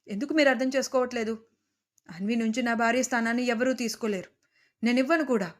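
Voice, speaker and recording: A woman's voice: on the high side, fast talker, natural voice. A woman reading the lines of a stubborn young husband in an audio story. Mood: defiant. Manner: stubborn, insistent. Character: defiant young husband torn between wife and lover.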